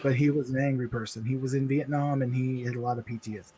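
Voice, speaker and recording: A man co-hosting a livestream, telling a personal story in an earnest, halting way with many restarts. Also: mid-range voice, steady tone, dark tone, a little hiss or hum. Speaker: livestream co-host.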